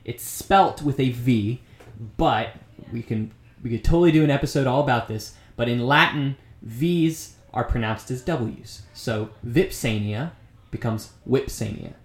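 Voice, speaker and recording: A man's voice: medium pitch, measured pace, echoey room. A man co-hosting a casual history podcast, explaining things with frequent ums. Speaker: podcast co-host.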